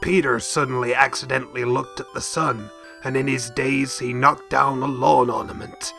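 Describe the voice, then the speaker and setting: A man narrating a silly, crude fight story in a deadpan, mock-epic storytelling style. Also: medium pitch, moderate pace, creaky, faint music behind. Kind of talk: comic scripted narration.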